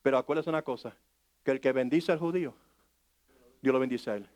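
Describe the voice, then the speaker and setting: A man's voice: medium pitch, brisk, a little mellow. A middle-aged man preaching a conversational sermon, telling personal stories and asking the congregation questions. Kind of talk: sermon teaching.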